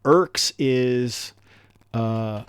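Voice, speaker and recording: A man's voice: mid-range voice, extremely slow, clean tone, no echo, studio quality. A man running a live tabletop game as game master, explaining rules in a chatty way with lots of fillers.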